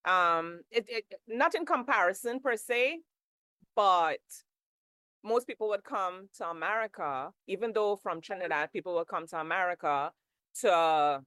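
A woman's voice: fairly low pitch, lively intonation, a little slow, a bit bright, smooth, no room sound. A woman interviewing a musician, asking long, rambling questions with hesitations. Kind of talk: casual interview.

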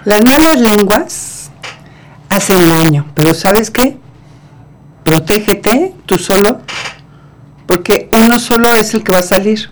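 A woman's voice: medium pitch, lively intonation, slow pace, long pauses, low-quality recording. A woman with a Mexican accent, chatting on a talk show with playful interjections. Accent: Mexican Spanish. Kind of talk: casual talk show chat.

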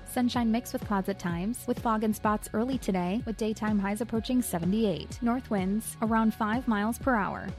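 Female meteorologist, measured forecast read over a soft music bed. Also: medium pitch. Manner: brisk, measured forecast reading. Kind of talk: scripted weather forecast.

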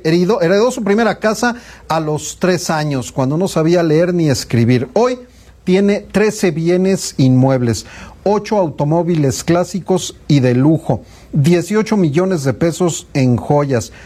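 Husky, mellow news commentator. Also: male voice, on the high side, lively intonation, unhurried.

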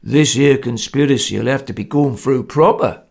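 A man's voice: mid-range voice, normal speed, vocal fry, a little mellow, slightly rough. A man voicing a grim, threatening working-class man.

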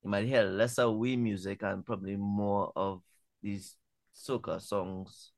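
A man being interviewed as a music artist, talking in a relaxed way and often repeating words as he thinks. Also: on the low side, measured pace, creaky, dry recording. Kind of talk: casual interview talk.

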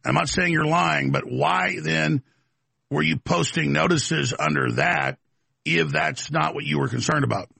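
A man with a gravelly, rough voice questions his guest in a heated, pressing way. He stumbles and repeats words as he pushes his point. His tone is bright and cutting, and the sound is close and dry. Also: a little high, measured pace, dry recording. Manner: stammering restarts, heated and pressing. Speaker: talk show host.

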